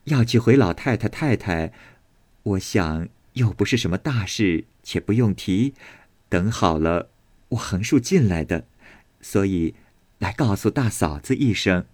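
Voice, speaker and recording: A man voicing a sensible young lady who speaks in a measured, composed way. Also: fairly low pitch, animated, a little mellow, no room sound. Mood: calm.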